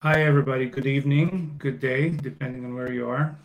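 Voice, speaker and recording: A man from Croatia in his thirties, a podcast guest talking casually about his startup, with many fillers and pauses. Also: mid-range voice, steady tone, dull audio. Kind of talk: casual interview answers.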